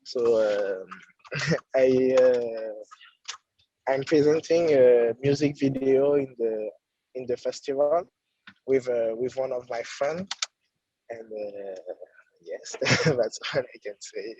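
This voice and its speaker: A man's voice: mid-range voice, slow, long pauses, dark tone, slightly rough, dull audio. Hesitant young man. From Guadeloupe. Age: 20s. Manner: hesitant, with many fillers and nervous laughs. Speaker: young filmmaker. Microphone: video call microphone while on the road.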